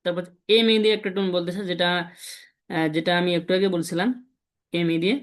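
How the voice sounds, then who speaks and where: A man's voice: high voice, fairly even intonation. Man teaching tones, casual. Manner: explains slowly with fillers and hums. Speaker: language teacher.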